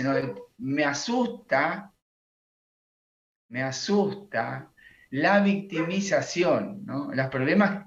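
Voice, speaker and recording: Man, guest coach, reflective, unhurried, fairly high voice, roomy, muffled line. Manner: reflective, unhurried, often adds a questioning tag. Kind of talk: reflective conversation.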